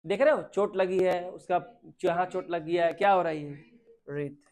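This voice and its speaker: A man's voice: sits high, moderate pace, a little mellow. Male vocab teacher, classroom lesson, quizzing, checks in constantly, spells words out. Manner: quizzing, checks understanding often; mixes English terms into Hindi speech.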